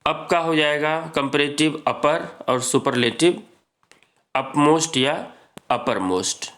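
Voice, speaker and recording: A man teaching an exam-prep grammar lesson, explaining slowly and repeating points while addressing students as friends. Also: a little high, fairly bright tone.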